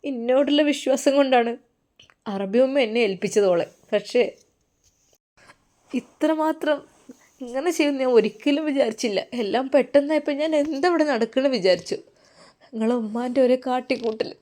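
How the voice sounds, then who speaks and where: Woman putting on father, middle-aged, Malappuram Malayalam accent, choked, pleading, fairly high voice. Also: moderate pace, pauses often, darkish tone. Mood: tearful. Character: grieving middle-aged father, anxious, tearful.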